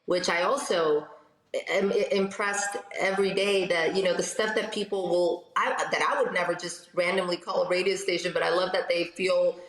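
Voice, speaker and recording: A woman in her thirties from South America, a radio host chatting in an interview, animated and full of restarts. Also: fairly low pitch, normal speed. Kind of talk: casual interview chat. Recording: echoey room.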